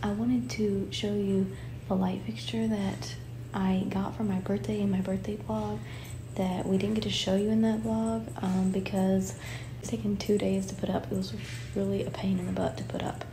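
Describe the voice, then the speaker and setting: A woman's voice: mid-range voice, little pitch movement, normal speed, reverberant. A woman chatting casually to camera as she films a home vlog on her phone at night, apologetic and chatty. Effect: recorded on a phone camera. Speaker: vlogger. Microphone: phone held by the speaker while filming. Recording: noisy phone recording.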